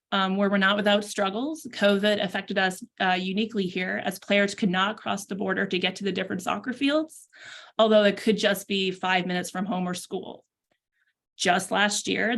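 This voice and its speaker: A woman, a youth soccer club's technical director, reading prepared remarks in a steady, earnest way over a video call. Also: medium pitch.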